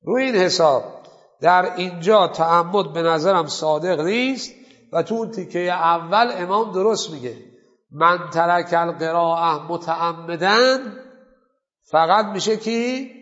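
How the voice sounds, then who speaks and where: Lecturing on Islamic jurisprudence at a seminary, this man has a voice that sits high and a bit bright. He questions his students and supplies the answers himself, in a recording with a long reverb tail and the highs cut off.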